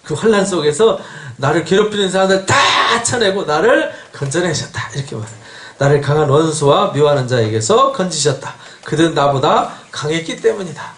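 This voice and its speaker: A middle-aged male pastor preaching an expository sermon in a church, animated and quizzing his congregation with questions. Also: on the high side. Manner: animated, asks the congregation questions, acts out an angry God. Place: church sanctuary. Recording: echoey church hall.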